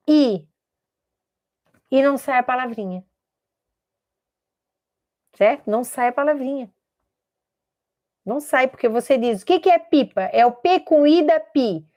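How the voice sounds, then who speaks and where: A woman teaching a lesson on literacy for children, emphatic, repeating words and slowly sounding out letters and syllables. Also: high voice. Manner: repeats words for emphasis, asks rhetorical questions. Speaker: special education teacher. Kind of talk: explanatory online lesson.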